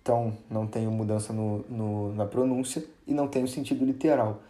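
A man teaching a casual grammar lesson, chatty and relaxed, with many fillers and restarts, drawing out example words for emphasis. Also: fairly low pitch, brisk.

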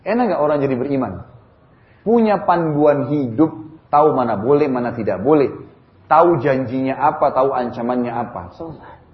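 A man preaching a sermon in an animated way, asking his listeners question after question. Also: mid-range voice, normal speed. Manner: animated, with many rhetorical questions. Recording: roomy, dull lo-fi sound.

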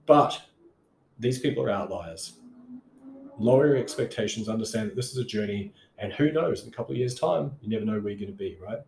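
A man's voice: lowish voice, animated, a little fast, creaky, darkish tone, slight background noise. A man giving a casual motivational talk to his audience as an online business coach, conversational and rambling, repeating phrases for emphasis. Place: roomy space at home next to a busy motorway. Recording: echoey room beside a busy road.

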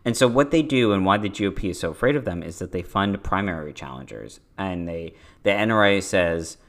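A man's voice: deep voice, lively intonation, brisk, fairly bright tone. A man co-hosting a podcast, explaining politics point by point in casual commentary, with frequent fillers. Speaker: podcast co-host.

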